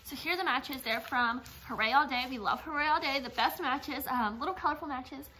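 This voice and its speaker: A woman's voice: sits high, a little fast, bright, forceful tone, slight background noise. A woman in her twenties, a small business owner, chatting casually to her phone camera with lots of "like" and "um", first in a car and then in a small warehouse office. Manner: chatty, filler-heavy, frequent "like" and "um". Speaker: gift box business owner. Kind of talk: casual vlog chat. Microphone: phone camera held at arm's length.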